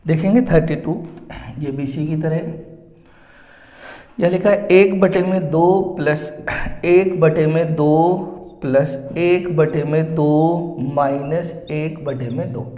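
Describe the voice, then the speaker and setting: A man teaching maths at a board, explaining each step slowly and repeating the same phrases as he goes. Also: on the high side, steady tone, warm tone. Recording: echoey room with long reverb.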